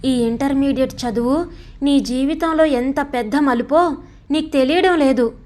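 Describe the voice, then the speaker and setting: A woman voicing a gentle, worried middle-aged mother who pleads with and scolds her son in a storybook reading. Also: sits high, a little slow. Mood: pleading. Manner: pleading, sorrowful, admonishing.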